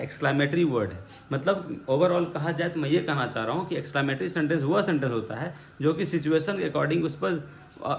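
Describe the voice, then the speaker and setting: A man's voice: on the high side, gravelly. A man teaching English grammar in Hindi to a class, acting out his examples and asking the class repeated questions. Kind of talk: classroom lesson explaining. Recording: echoey room with faint background noise.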